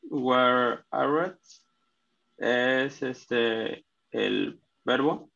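A man whose first language is Spanish reads English sentences aloud in a tutoring lesson. He is hesitant and halting, restarting words, and speaks very slowly with a gravelly voice. The recording sounds dull and lo-fi. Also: mid-range voice, a bit bright. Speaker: student.

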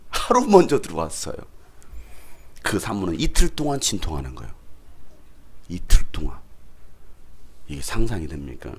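A middle-aged male pastor preaching a sermon in a church, telling a story with lively shouts, laughter and acted-out voices. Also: deep voice, moderate pace, long pauses, breathy edge. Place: church sanctuary.

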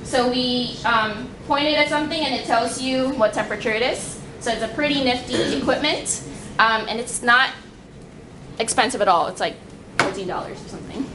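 Young woman explaining her lab work casually, kinda high voice, echoey room w/ noise behind. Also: moderate pace. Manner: casual, chatty, frequent fillers and restarts. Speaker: lab researcher giving public science talk. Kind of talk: informal public science talk. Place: library meeting room.

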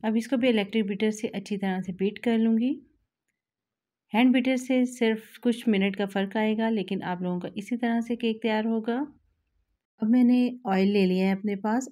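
A woman host, calmly explaining a recipe step by step to her viewers in a voice-over. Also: medium pitch. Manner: calm, instructive, addresses viewers directly. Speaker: cooking channel host.

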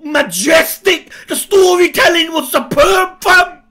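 Male streamer reacting live, very high and bright with a gravelly edge, shouts in excitement. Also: slow. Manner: excitable, shouts often, slangy.

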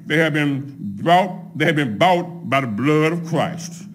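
A middle-aged man preaching a sermon from a pulpit, laying out his points one by one in a measured way. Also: on the high side, animated, a little hiss or hum. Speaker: pastor. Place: church sanctuary at a pulpit, empty pews behind. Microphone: microphone on a pulpit stand.

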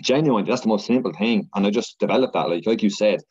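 An Irish man, a podcast guest, talking fast and animated in a casual interview chat. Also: fairly low pitch, dull audio, a crowd in the background. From Ireland.

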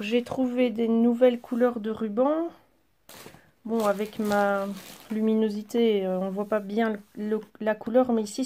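A woman chatting casually through a craft shopping haul, pausing with fillers as she handles each item. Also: on the high side, mellow, a little hiss or hum. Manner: chatty, hesitant fillers while handling items. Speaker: craft vlogger. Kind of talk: casual haul show-and-tell.

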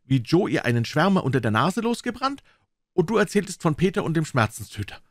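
A man's voice: on the high side, very animated, fairly quick, no echo, pitched above the performer's own voice. Brief: a man playing an eager storytelling boy, raised voice, dry audiobook sound. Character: boy, eager, telling a tall tale.

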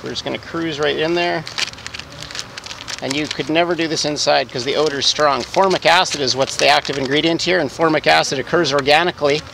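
A man's voice: on the high side, steady tone, a little fast, gravelly, background noise. Upbeat man demonstrating beekeeping outdoors. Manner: friendly, explains step by step while working. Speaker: beekeeping vlogger. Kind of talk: casual how-to vlog. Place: outdoors in a garden beside beehives.

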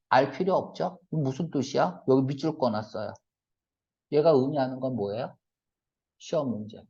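A male English reading teacher giving a brisk exam-prep lecture, firing quick rhetorical check-questions at his students and switching between polite and blunt casual speech. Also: high voice. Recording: lo-fi lecture recording.

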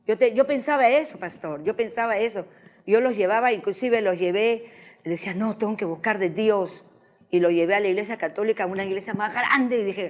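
A middle-aged woman giving her personal testimony in an interview, speaking haltingly with restarts as she recalls her past. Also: fairly high pitch. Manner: halting, restarts, emotional recollection.

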